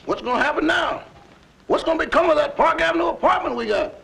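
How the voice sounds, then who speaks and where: A man playing an impudent, wisecracking servant in gravelly 1940s screwball comedy banter. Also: extremely high pitch, lively intonation, fast talker, bright, forceful tone, exaggerated voice. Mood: cheeky. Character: wisecracking, impudent male servant to a broke boss. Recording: faintly noisy 1940s film soundtrack.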